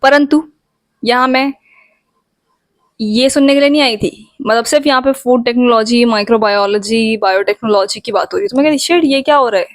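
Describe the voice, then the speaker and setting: A woman's voice: fairly high pitch, fairly even intonation, brisk, dry recording. A young woman vlogger in a chatty, playful storytime, talking straight to her viewers. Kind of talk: casual storytime.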